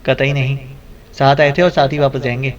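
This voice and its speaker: A man's voice: mid-range voice, flat delivery, muffled recording, lightly acted. A man reading the part of a suspicious young woman with a pointed, needling way of speaking, in an audiobook. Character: sharp-tongued young woman, suspicious companion.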